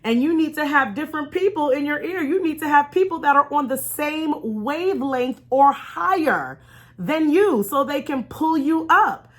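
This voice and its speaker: A woman's high voice with lively intonation moves at normal speed as she tells a faith-based motivational story in her vlog. As a life coach, she addresses viewers directly and emphatically, returning to key phrases again and again.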